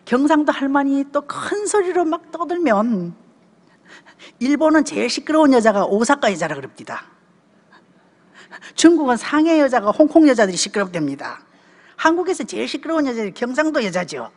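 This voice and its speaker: With big pitch swings and a high, darkish voice at normal speed, an elderly woman in her seventies speaks in a large hall. This church deaconess with a Gyeongsang Korean accent leads a family seminar, narrating stories sermon-style and often turning to her listeners.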